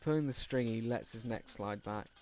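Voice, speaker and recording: A man with a medium-pitched, somewhat dark voice reads a visual novel aloud at a normal pace, doing casual let's play narration with asides. He's informal and occasionally stumbles over words. Game music plays behind him.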